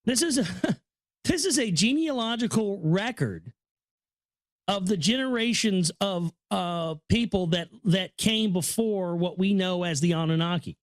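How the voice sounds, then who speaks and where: Reading aloud from a book, a man keeps breaking into casual running commentary, stammering and rambling as he repeats phrases with awed earnestness. His high voice is expressive and a little slow. No room sound is audible.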